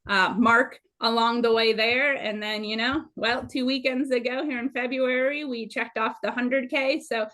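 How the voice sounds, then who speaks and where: A woman's voice: fairly high pitch, steady tone, normal speed, hardly any pauses, sharp tone. A woman in her late thirties from Minnesota, a guest telling her running story in a bubbly, self-deprecating way. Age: 30s. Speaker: guest runner. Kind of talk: casual interview storytelling.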